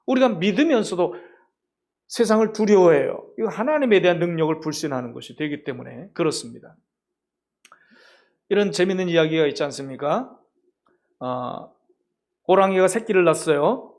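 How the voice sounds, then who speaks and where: A man's voice: on the high side, lively intonation, moderate pace, pauses often, a little mellow. A male pastor preaching a sermon, emphatic and putting rhetorical questions to his congregation.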